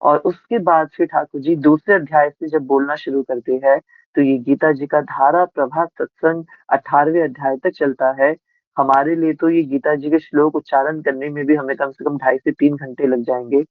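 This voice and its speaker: A man's voice: a little high, no echo. A man giving a devotional discourse as a spiritual speaker, telling a scriptural story and asking his listeners rhetorical questions. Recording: tinny phone-like sound, dry.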